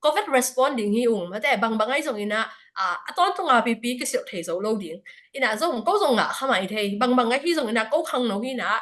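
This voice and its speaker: A woman's voice: fairly high pitch, lively intonation, fast, fairly bright tone. A woman speaking at a church prayer fellowship service, giving a spoken report to the congregation with frequent hesitation fillers.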